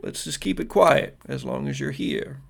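A man's voice: mid-range voice, moderate pace, gravelly. A man voicing a big, protective small-town sheriff who talks in a folksy, stern drawl.

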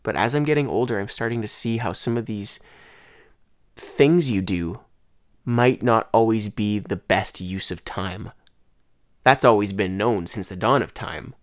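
A man's voice: sits low, no echo, studio quality. A young man with a congested throat and head, hosting a casual solo podcast in a rambling, conversational way. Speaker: podcast host.

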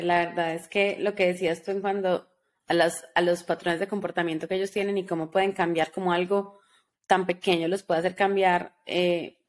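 A woman hosts a podcast in a chatty, conversational way. Her voice is lowish and gravelly with vocal fry. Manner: chatty, warm thanks, conversational. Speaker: podcast host.

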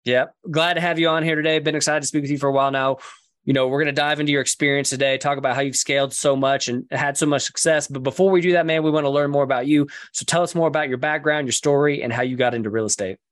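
A man's voice: on the high side, fairly even intonation, fast talker, dry recording, studio quality. A man hosting a podcast, introducing and questioning his guest in an upbeat, casual way. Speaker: podcast host. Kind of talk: podcast interview.

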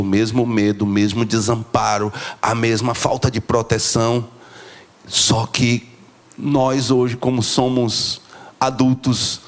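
A man preaching a sermon, moving from soft, slow lows to high, emphatic climbs. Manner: emotional, rising to high emphatic peaks then dropping low and slow.

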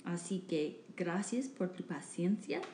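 Her voice is fairly low, animated and mellow as this podcast host and interpreter reads a Spanish version of a church talk. The pace is very slow and halting, with hesitations and restarts, and the echoey room has faint noise behind it.

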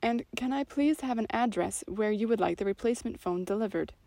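A polite, businesslike call center agent in an audiobook drama, played by a woman. Her voice is mid-pitched and her courteous phrasing is scripted. The recording is dry and close. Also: a little fast, vocal fry, warm tone, dry recording. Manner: polite, scripted customer-service tone.

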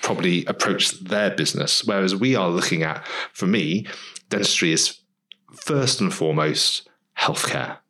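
A man's voice: low-pitched, normal speed, sharp tone, low-quality recording. A man co-hosting a podcast, speaking thoughtfully and often restarting his sentences. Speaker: podcast co-host, dental associate. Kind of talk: casual podcast discussion.

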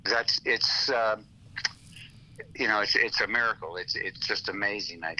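A man calling in and heard through a phone on speakerphone, talking earnestly and haltingly with many restarts. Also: on the low side, sharp tone, low-quality recording. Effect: heard over a phone on speakerphone. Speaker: caller joining by phone. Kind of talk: casual call-in chat.

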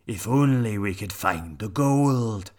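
A bossy pirate captain barks orders loudly and slowly, voiced by a man reading a storybook. His pitch swings up and down. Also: lively intonation.

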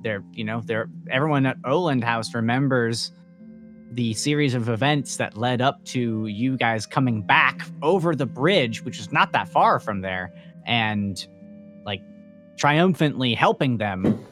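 Man, game master, mid pitch, rambling casual narration, faint music behind. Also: unhurried, a bit bright. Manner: casual, rambling, with many fillers and restarts.

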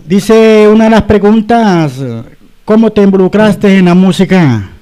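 A man's voice: high voice, unhurried, clean tone. A male radio host casually interviewing a guest and reading out listener questions. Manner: relaxed, reads questions from a list.

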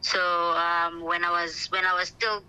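A woman's voice: lowish voice, level tone, unhurried, sharp tone, clean tone. A woman author answering interview questions over a phone line while travelling on the road, often hesitating and repeating words as she searches for them. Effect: heard over a phone line. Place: in a moving vehicle on the road. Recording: phone call, voice breaks up and drifts from the mic.

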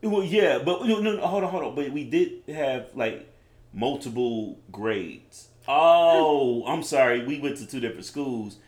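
A man with a deep radio voice co-hosting a podcast, telling stories in a laid-back, animated way. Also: unhurried, roomy sound. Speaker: podcast co-host. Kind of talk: casual chat.

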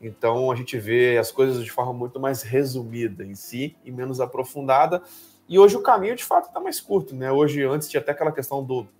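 A man's voice: medium pitch, expressive, brisk, a little mellow. Upbeat podcast host man. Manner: upbeat, with frequent "que legal" and "show de bola". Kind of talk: casual interview chat.

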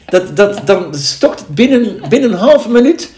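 A man's voice: high voice, very animated, unhurried, a little mellow, roomy sound. A man co-hosting a podcast in casual chat, hesitant, with stammering restarts. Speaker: podcast co-host.

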